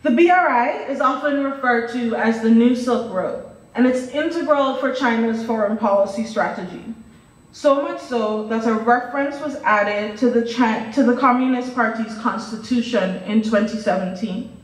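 Woman lecturer, fairly high voice, at a podium, heard from afar in a roomy hall. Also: normal speed. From Guyana, raised in Jamaica. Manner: reads steadily from prepared remarks, listing items one by one. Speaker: researcher giving a lecture. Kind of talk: prepared lecture. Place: lecture hall with a stage and screen. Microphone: podium mic, far camera. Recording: echoey hall, voice from far off.

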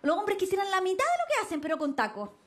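A young Chilean woman doing a stand-up comedy set on stage, brash and slangy, swinging her pitch for quoted voices. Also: huge pitch swings, quick pace. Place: stage before a live audience. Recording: noisy live TV stage with crowd. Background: crowd laughter.

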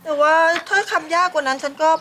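A woman playing an anxious, excitable newly promoted employee who frets and exclaims loudly in an online short drama. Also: sits high, fast talker, faint music behind. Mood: worried. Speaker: new marketing manager.

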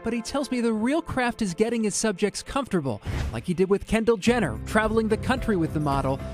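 A male TV news reporter narrating a feature and chatting on set in a news studio, animated delivery. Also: high voice, fast talker, over music.

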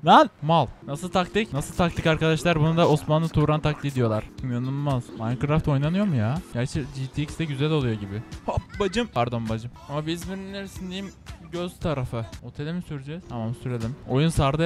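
A young man from İzmir with a Turkish accent, joking and excitable as he comments on his own gameplay and talks to the characters. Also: fairly high pitch. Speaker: gaming channel host.

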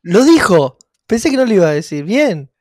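A man's voice: high-pitched, very animated, quick pace, darkish tone, no echo, clean studio sound. Playful, teasing Argentine man. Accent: Argentine Spanish. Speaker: podcast co-host. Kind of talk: casual chat.

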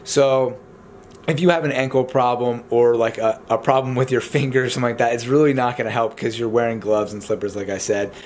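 A man's voice: medium pitch, fairly even intonation, fairly quick, a little mellow, a little hiss or hum. A man around thirty talking casually to camera as a vlogger at home, chatty and informal as he explains things. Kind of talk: casual vlog talk to camera. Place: indoors in a home living room.

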